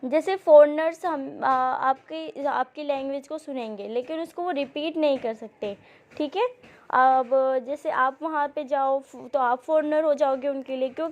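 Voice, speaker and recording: High-voiced woman coaching exam students. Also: a little mellow. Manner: explains with repeated checks and questions to students; reads English passages slowly and deliberately. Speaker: teacher. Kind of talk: exam-prep coaching lecture.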